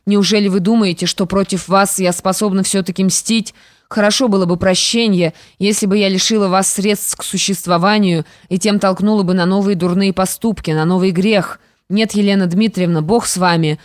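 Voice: mid-range voice, fairly even intonation, normal speed, no echo, lightly acted. Reader doing a firm, indignant young woman in an audiobook, close and dry. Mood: stern, indignant. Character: young woman, proud and stern, forgiving.

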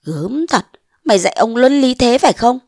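A woman's voice: on the high side, lively intonation, normal speed, darkish tone, no echo, pitched above the performer's own voice. A woman playing a blustering old mandarin. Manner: blustering, scolding. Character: pompous bullying old mandarin, man.

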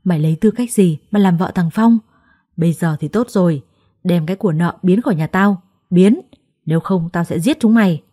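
A woman's voice: lowish voice, fairly quick, warm tone, dry recording, clean studio sound, lightly acted. A woman voicing a furious, abusive middle-aged mother-in-law who screams insults. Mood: enraged.

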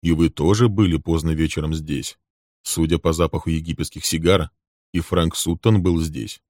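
A man voicing a composed man who speaks slowly and evenly. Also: a bass voice, no room sound, clean studio sound. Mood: cool. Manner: slow, level, measured. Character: calm, composed man, coolly threatening.

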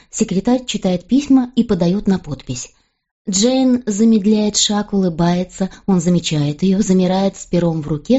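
A woman reading a novel aloud as an audiobook narrator, in a steady, even first-person storytelling voice. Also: mid-range voice, highs cut off.

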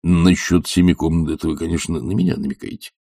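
In an audiobook, a man with a low, gravelly yet mellow voice plays an imperious older professor who is lofty and ironic until he erupts in thundering rage. He speaks quickly with fairly even intonation, in clean studio sound with no room echo.

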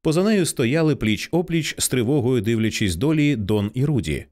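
Expressive male audiobook narrator. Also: mid-range voice, normal speed. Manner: expressive, dramatic reading. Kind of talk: scripted narration.

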